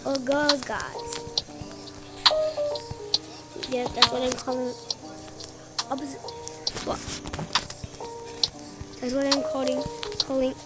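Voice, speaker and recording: A young girl with a squeaky chipmunk-like voice giving excitable, slangy, casual gameplay commentary. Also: slow pace, pauses often. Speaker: gamer recording gameplay. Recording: loud music over the voice. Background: loud music.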